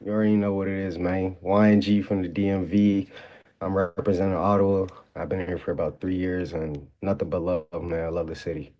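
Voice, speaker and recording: A man's voice: low-pitched, level tone, a little fast, dull audio. A young man from Maryland, a guest rapper talking in a laid-back, slangy, rambling way with lots of fillers. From Maryland, USA. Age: young adult. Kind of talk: casual interview.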